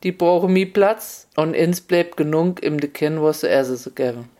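A storyteller voicing a clever, practical peasant wife in a spoken folk tale, plain and brisk in manner. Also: medium pitch, dark tone, natural voice. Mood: matter-of-fact.

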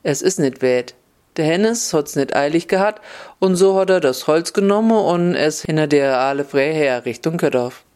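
Clear-voiced man telling a dialect fairy tale. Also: a little high, normal speed, a little mellow. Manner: folksy, mixes dialect into the narration. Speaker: storyteller.

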